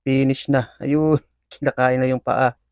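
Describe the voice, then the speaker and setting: A man's voice: medium pitch, measured pace, clear, resonant tone, no room sound, dull audio. A man, chatting casually to his viewers while he feeds his pet scorpions and calls the action. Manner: excited play-by-play with frequent fillers, addressing viewers. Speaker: pet scorpion keeper and video host. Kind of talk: casual commentary while feeding pets.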